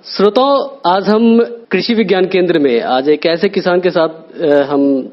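A man's voice: high-pitched, a little slow. A man working as a community radio reporter, interviewing a guest and hesitating often with fillers. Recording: muffled lo-fi audio.

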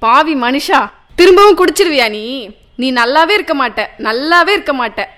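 A woman's voice: a little fast, sharp tone. A woman playing a wife who scolds her husband for drinking, in a radio drama. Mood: accusing. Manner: shrill, scolding, wailing.

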